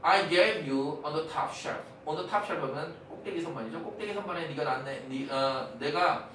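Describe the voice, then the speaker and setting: A man teaching English, explaining a textbook dialogue in quick bursts, repeating key words and correcting pronunciation. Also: fairly high pitch, pushed and bright. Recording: echoey room, mic at a distance, faint hiss.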